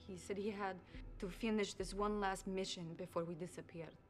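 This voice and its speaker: An actress playing an earnest young Russian woman, a suspect speaking in a measured way in a TV crime drama. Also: mid-range voice, steady tone, faint music behind, close to an everyday voice. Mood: sad, confiding. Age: young adult. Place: interrogation room set, indoors.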